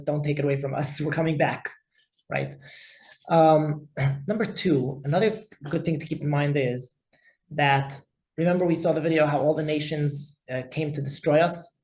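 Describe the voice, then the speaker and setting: A man's voice: on the high side, darkish tone. Emphatic male rabbi teaching in an echoey room. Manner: emphatic, with frequent word repetitions. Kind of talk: class lecture with discussion.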